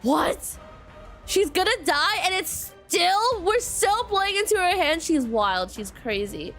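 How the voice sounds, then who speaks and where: A woman hosting a gameplay video, reacting in an expressive, exclamatory way. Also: extremely high pitch, takes it slowly, faint music behind. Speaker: gaming video host reacting to a game. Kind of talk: excitable gameplay reaction commentary.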